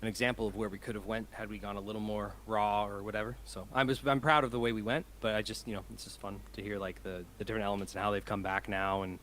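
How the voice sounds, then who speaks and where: A man's voice: on the low side, level tone, quick pace, few pauses, a bit bright, a little hiss or hum. Enthusiastic musician guy, laughing a lot. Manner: enthusiastic, laughs often, rambling. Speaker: musician guest. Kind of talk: casual interview chat.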